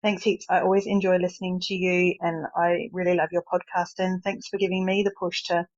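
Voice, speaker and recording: A woman's voice: lowish voice, level tone, brisk, no echo. A woman from Australia with an Australian accent, leaving an earnest, grateful voice message for a podcast host, played back as a recording. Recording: dull lo-fi voice message.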